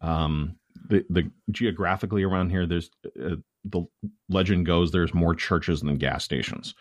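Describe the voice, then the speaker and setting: A man's voice: deep voice, a little slow, no room sound. A man, a guest comedian on a podcast, rambling along in casual chat with plenty of filler sounds.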